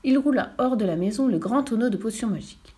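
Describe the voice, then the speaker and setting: A woman narrating a storybook in a lively, playful way. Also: on the high side, quick pace, breathy edge. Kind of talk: storybook reading.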